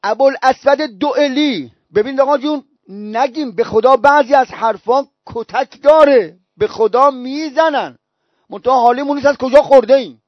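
A man's voice: very high-pitched, no echo. A male preacher delivering a sermon, telling stories with emphatic repetition. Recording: dull, dry recording.

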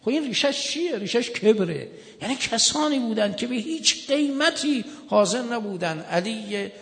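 A man's voice: very high-pitched, animated, vocal fry, fairly bright tone. A man preaching a sermon from the pulpit, telling stories and quoting scripture with emphatic rises. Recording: echoey hall with long reverb.

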